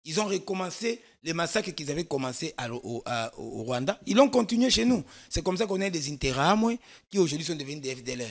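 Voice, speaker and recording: A man from Congo, a guest expert on a political talk show, explaining at length with emphasis and frequent restarts. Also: fairly high pitch. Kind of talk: studio political discussion.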